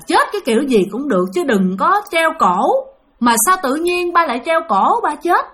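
Woman doing grieving son, lively pleading questions. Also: a little high. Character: grieving adult son, pleading with his dead father.

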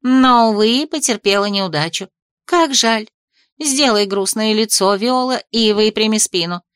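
A woman's voice: medium pitch, measured pace, fairly bright tone, smooth, no echo, clean studio sound, natural voice. A woman voicing a young woman's mocking inner voice, teasing and sarcastic, in an audiobook. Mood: gleeful.

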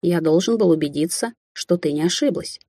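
Woman doing a cold, quietly menacing man. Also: on the low side, brisk, husky, no echo, studio quality. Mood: steady.

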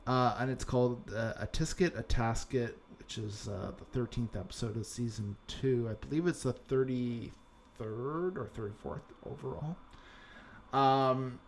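A man's voice: medium pitch, a little slow, gravelly, a little hiss or hum. Rambling casual podcast co-host, a man. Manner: rambling, many fillers and restarts. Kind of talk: casual chat.

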